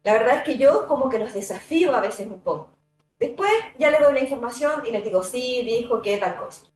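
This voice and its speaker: A woman's voice: fairly high pitch, animated, brisk, a little mellow, distant mic. Woman lecturing in an echoey room. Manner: thoughtful, conversational, many fillers and tag questions. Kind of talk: university lecture.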